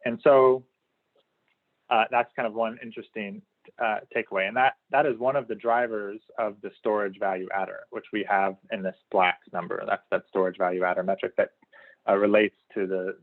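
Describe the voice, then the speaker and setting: Lower-pitched male researcher, slightly worn voice, explains data in a webinar; tinny phone-like line. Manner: explanatory, frequent fillers and restarts. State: losing his voice a little. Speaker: researcher presenting a study. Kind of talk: webinar presentation.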